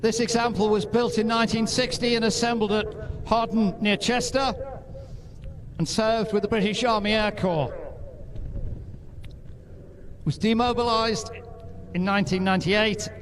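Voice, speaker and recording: A man's voice: high-pitched, steady tone, moderate pace. A man giving live airshow commentary, addressing the crowd in an informative way with lightly wry asides. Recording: outdoor event with crowd and aircraft noise.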